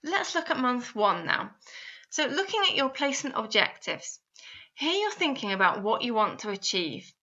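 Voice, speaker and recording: A slightly high-voiced woman with big pitch swings and a sharp tone narrates a placement adviser's guidance video at a moderate pace. Reading from a script, she explains step by step and asks the listener guiding questions, recorded with lo-fi sound.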